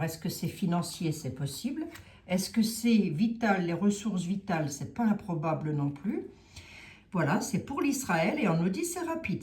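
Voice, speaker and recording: A woman's voice: medium pitch, darkish tone, reverberant. A woman with a Lorraine French accent doing a casual tarot reading, musing aloud and hesitating with many fillers. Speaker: tarot reader.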